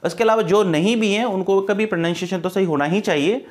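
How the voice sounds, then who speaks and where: A man's voice: high voice, fast. A man teaching English grammar for exam prep, mixing Hindi and English, with an Indian accent. He asks his class questions and answers them himself, and he drills pronunciation.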